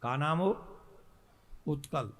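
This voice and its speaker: A middle-aged man with a Braj accent telling a devotional story to a large gathering, rousing the crowd to cheer loudly. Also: a little high, slow. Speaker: spiritual storyteller. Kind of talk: devotional sermon.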